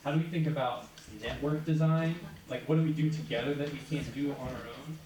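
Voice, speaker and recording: A man moderating a panel discussion in a relaxed, conversational way. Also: on the high side, fairly quick, a crowd in the background. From United States. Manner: relaxed, conversational, informal fillers. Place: large conference hall. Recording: echoey hall from far off with audience.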